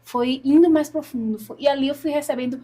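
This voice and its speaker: A woman's voice: sits high, fairly even intonation, fairly quick, warm tone. A Brazilian woman telling her personal faith story in an earnest way, acting out what she said back then. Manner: earnest storytelling, acts out her own past words. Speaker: guest giving a testimony.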